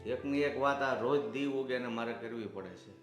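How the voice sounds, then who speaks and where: An actor playing a stern family patriarch who scolds his daughter-in-law in a measured, reproachful way. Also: medium pitch, lightly acted. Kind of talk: family drama acting. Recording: roomy echo, faint music.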